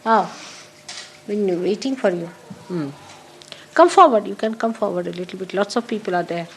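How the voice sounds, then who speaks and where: A woman's voice: medium pitch, steady tone, fast talker, creaky, darkish tone, a little hiss or hum. A woman teaching a gathering in a spoken talk with questions and answers. She stresses her points and repeats key phrases, speaking straight to her listeners. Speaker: spiritual teacher. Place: meeting hall with an audience.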